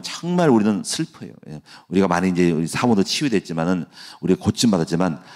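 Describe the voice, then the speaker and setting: A middle-aged male pastor giving a chatty, folksy sermon that builds into a fervent prayer. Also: sits low. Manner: folksy, chatty preaching with laughs and asides.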